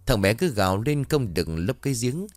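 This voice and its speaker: A man narrating a ghost story in a steady, even way. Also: medium pitch, normal speed, no echo.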